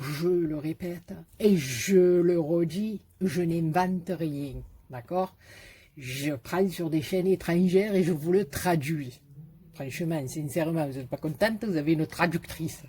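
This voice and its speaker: A woman with a Marseille French accent hosting a casual scrapbooking tutorial, chatty and joking, and repeating the measurements slowly. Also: fairly low pitch, mellow, husky. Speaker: scrapbooking video host.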